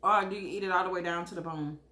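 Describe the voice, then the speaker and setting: A woman chats casually to her viewers as a mukbang vlogger, eating crunchy fried chicken and drinking as she talks, in a folksy, expressive way with savoring hums. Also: lowish voice, fast talker. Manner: folksy, expressive, chuckles often.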